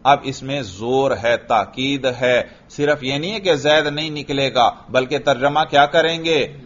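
A man teaching Arabic grammar in to a class, slowly repeating phrases and quizzing his students. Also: mid-range voice, fairly bright tone, highs cut off. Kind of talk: classroom lesson.

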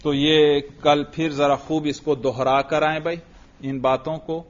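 A male teacher drilling a student on grammar, asking short questions, repeating the answers and praising briskly. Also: fairly high pitch, level tone. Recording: muffled lo-fi recording.

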